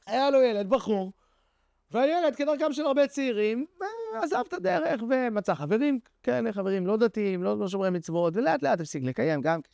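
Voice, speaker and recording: A man preaching, telling a story in an animated, emphatic way. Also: high-pitched, vocal fry, no echo, clean studio sound. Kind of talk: storytelling sermon.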